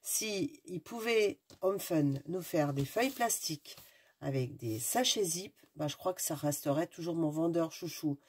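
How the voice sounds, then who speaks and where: A woman's voice: deep voice, unhurried, a little mellow, slight background noise. A woman with a stuffy nose, chatting casually and enthusiastically while unboxing, often searching for words. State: stuffy, sniffling. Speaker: craft video host.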